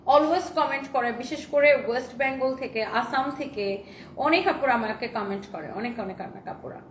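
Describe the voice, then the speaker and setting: A woman runs a live sales stream, holding up dresses, reading viewers' comments aloud and thanking them. Her voice sits high, and she mixes English phrases into her talk. The room echoes, with a faint noise underneath. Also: moderate pace. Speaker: online clothing seller.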